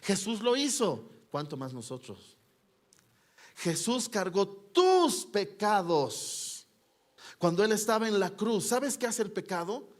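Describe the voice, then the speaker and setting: A man preaching a sermon with passion. His delivery swings between loud climbs and hushed drops, and he keeps asking his listeners rhetorical questions. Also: sits high, sing-song, takes it slowly.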